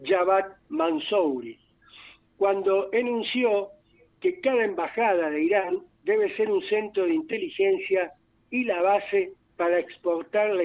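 A man with an Argentine accent, a radio columnist reading a formal, dense prepared column in a measured way. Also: high-pitched. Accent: Argentine Spanish. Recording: tinny phone line.

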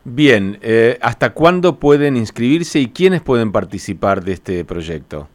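A man's voice: medium pitch, big pitch swings, measured pace. A man with an Argentine accent hosting a radio interview, introducing the guest and putting questions.

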